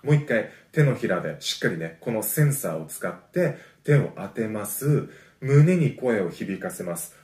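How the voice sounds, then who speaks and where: A man teaching a voice lesson. He gives friendly, encouraging explanations and breaks them up with sustained low sung vowels. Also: animated, moderate pace, few pauses, darkish tone. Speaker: voice trainer. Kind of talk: vocal lesson. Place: home. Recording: roomy echo.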